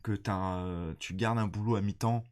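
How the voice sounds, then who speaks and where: A man with a stuffy, nasal voice from a cold, chatting casually and explaining things in a halting, slangy way. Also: fairly low pitch, fairly even intonation, a little mellow. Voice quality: congested, nasal. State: blocked nose from a cold. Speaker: stand-up comedian.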